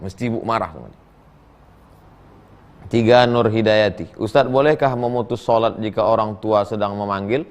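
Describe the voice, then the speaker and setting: With a lowish, clean-toned voice, a middle-aged male preacher moves at a moderate pace, leaving long pauses. He answers audience questions in a joking, folksy manner, telling animated stories throughout the humorous sermon.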